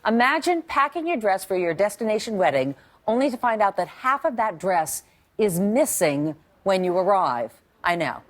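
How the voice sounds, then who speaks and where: Lively woman talk show host. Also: mid-range voice, normal speed. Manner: lively, playful, teasing storytelling. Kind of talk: live studio talk show hosting.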